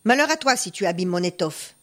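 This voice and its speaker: A woman voicing a greedy, bullying male farmer who shouts and threatens. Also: fairly low pitch, animated, fairly quick. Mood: angry. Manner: shouting, scolding.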